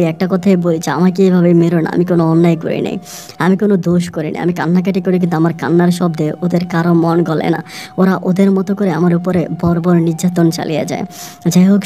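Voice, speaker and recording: Bangladeshi woman telling a real-life story first person, emotional, lowish voice. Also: warm tone. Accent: Bangladeshi Bengali. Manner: brisk, emotional retelling with quoted dialogue.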